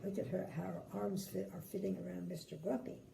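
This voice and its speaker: A sweet, gentle older woman reads a storybook aloud to small children, unhurried, with little asides, in an echoey room. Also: on the low side, fairly even intonation, gravelly. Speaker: grandmother reading bedtime stories. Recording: echoey room, faint background noise.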